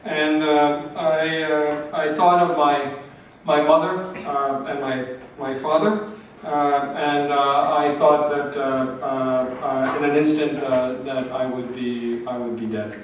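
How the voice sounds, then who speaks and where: A man interprets slowly and haltingly, his voice pitched a little high for a man. He sits far from the microphone in a strongly echoing hall, with faint noise underneath. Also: fairly even intonation. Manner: halting, many fillers and restarts. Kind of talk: consecutive interpretation at a talk.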